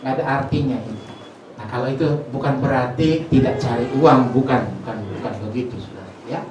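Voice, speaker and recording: A man's voice: mid-range voice, fast. Man preaching in a very echoey hall. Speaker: pastor. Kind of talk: sermon with personal testimony. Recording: very echoey hall, mic far off, faint noise.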